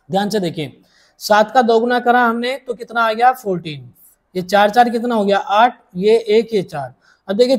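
A man teaching a maths lesson, repeating each step slowly and calling his students dear children. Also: very high voice, darkish tone.

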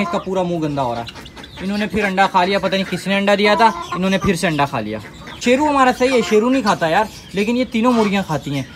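A man, chatting casually to the camera as he shows his pet birds, animated and exclaiming at them. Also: high voice. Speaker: pet vlogger. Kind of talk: casual vlog narration. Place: outdoor backyard with bird pens. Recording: noisy outdoor phone recording. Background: birds chirping and squawking.

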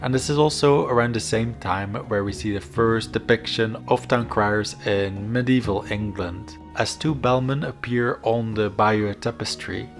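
A man giving a scripted educational history narration in a measured, explanatory manner. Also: fairly low pitch. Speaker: video narrator. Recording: background music under voice. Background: instrumental music.

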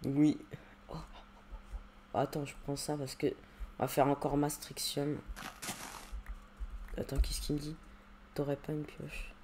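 A man's voice: fairly high pitch, monotone, a little slow, pauses often, a little mellow, slight background noise. A man giving casual, rambling gameplay commentary at his computer, hesitating often with fillers. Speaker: YouTuber.

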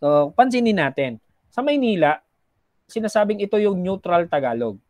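A man with a slightly high voice gives a recorded lesson, explaining patiently and lightly acting out how people in different regions speak. The sound is close and dry, with no room around it. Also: big pitch swings, moderate pace, darkish tone, dry recording. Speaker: teacher. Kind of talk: recorded classroom lecture.

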